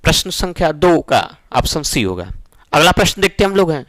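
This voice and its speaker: A man's voice: a little high, very animated, fairly quick, a bit bright, no echo. A man teaching a Hindi grammar lesson for exam preparation, explaining step by step and checking that students follow. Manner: explains step by step, often asks "ठीक है ना?".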